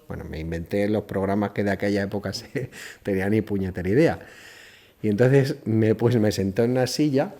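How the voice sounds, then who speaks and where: A middle-aged man from Spain, telling casual stories and acting out dialogue as a podcast guest. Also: fairly low pitch. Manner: lively anecdotes, acts out dialogue, laughs often. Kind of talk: casual storytelling.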